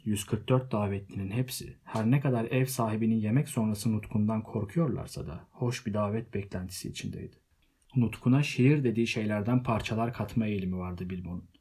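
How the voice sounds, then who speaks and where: A man narrates a novel in a measured, steady reading. His voice sits low with a husky grain. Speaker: audiobook narrator. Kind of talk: scripted literary narration.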